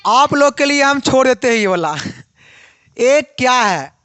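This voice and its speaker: A woman's voice: sits high, animated, slow, fairly bright tone, dry recording. A woman teacher giving a biology lesson, asking the class questions and then answering them herself.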